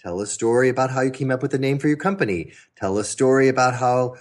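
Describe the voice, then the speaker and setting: A man speaking as a guest on an interview show, coaching entrepreneurs on pitching through energetic, emphatic storytelling. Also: fast talker.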